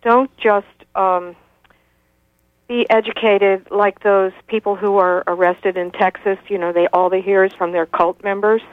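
A woman's voice: mid-range voice, steady tone, measured pace, no echo. A woman in her sixties calling in to a radio show over a clipped telephone line, insistent and lecturing, with frequent hesitations. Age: 60s. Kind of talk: call-in radio talk.

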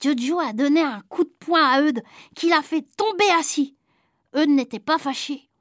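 High-voiced woman reading a children's story. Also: normal speed, no room sound, clean studio sound. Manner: lively, childlike first-person telling. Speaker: audiobook reader. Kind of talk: storybook narration.

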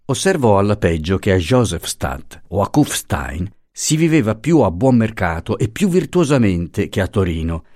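A man narrating a classic novel as an audiobook reader, in a measured, expressive storytelling manner. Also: fairly low pitch, no echo, studio quality. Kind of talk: scripted narration.

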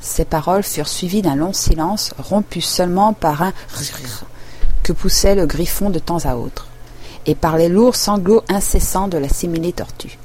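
A woman narrating a storybook chapter in a measured, clear reading voice. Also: on the low side, darkish tone, a little hiss or hum. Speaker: audiobook reader. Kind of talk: scripted narration.

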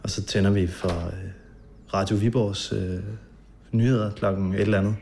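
Gravelly Danish-speaking man recounting, hesitant. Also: on the low side, fairly even intonation, darkish tone, a little hiss or hum. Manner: hesitant, full of fillers. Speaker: interviewee recalling a past night. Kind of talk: documentary interview, casual recounting.

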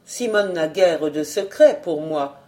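A woman reader voicing a composed, dignified lady's companion who speaks calmly. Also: sits low, takes it slowly, faint music behind.

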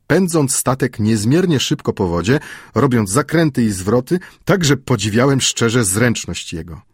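A man reading an audiobook chapter in a measured, old-fashioned storytelling manner. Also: on the low side, husky, no echo, clean studio sound. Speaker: audiobook narrator. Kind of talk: scripted audiobook narration.

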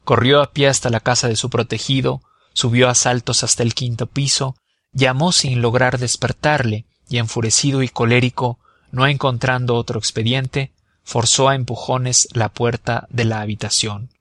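A man reading a novel aloud as an audiobook narrator, measured and expressive. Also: mid-range voice, dry recording, studio quality. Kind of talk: scripted narration.

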